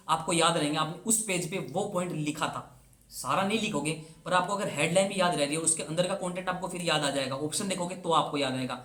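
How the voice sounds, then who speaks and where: A young man who coaches for banking exams gives a casual, earnest motivational talk to aspirants, chatting along, slipping English words into his speech and repeating his advice to drive it home. His voice sits high with a fairly bright tone. The recording has a roomy echo and slight background noise.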